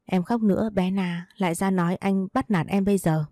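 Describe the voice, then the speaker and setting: Woman reading a gentle, soothing husband. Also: medium pitch, fairly even intonation, brisk, dry recording, studio quality, natural voice. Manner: soft, soothing, patient. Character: gentle caring adult husband, man. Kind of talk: read storybook dialogue.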